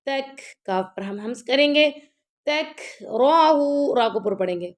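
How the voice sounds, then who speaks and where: A woman teaching Quran recitation step by step, reciting verses slowly and drawn out, then briskly explaining the rules. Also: medium pitch, expressive. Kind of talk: step-by-step tajweed lesson.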